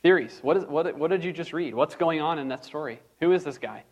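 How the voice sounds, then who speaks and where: A man teaching a church group in a relaxed, conversational way, with lots of fillers and quick asides. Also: on the high side. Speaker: pastor teaching a class. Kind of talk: casual sermon-style teaching.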